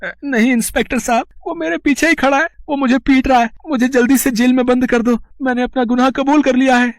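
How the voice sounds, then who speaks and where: A man voicing a greedy, cowardly male villager who steals and then pleads in a frantic, shrill voice. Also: wildly swooping pitch, normal speed, a little mellow, breathy edge, no room sound, clean studio sound, exaggerated voice. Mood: terrified pleading. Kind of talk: animated story voice acting.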